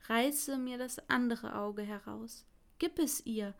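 A woman doing a hushed, sorrowful prince. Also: on the high side, slow pace, vocal fry. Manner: hushed, half-whispered. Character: selfless, sorrowful prince statue.

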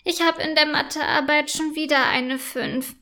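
A woman's voice: high voice, steady tone, unhurried. A woman reading as a glum little schoolgirl. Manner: gently read storybook character voice. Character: unhappy young schoolgirl, sulky then cheerful.

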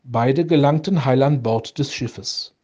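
Calm man reading a legend. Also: medium pitch, takes it slowly, muffled recording. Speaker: pastor. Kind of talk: reading a legend aloud for radio.

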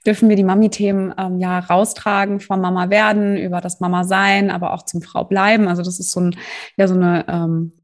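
A woman's voice: fairly low pitch, level tone, brisk. A woman in her thirties from northern Germany, a mother and podcast guest, chatting upbeat with lots of fillers. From Bremen, northern Germany. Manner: upbeat, hesitant with many fillers. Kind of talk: casual chat.

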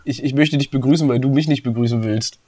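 A man's voice: mid-range voice, quick pace, a little mellow, no echo. A man co-hosting a podcast in casual chat, teasing his partner with dry humor, recorded at home on his own recorder during a video call. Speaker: podcast co-host. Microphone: own recording device.

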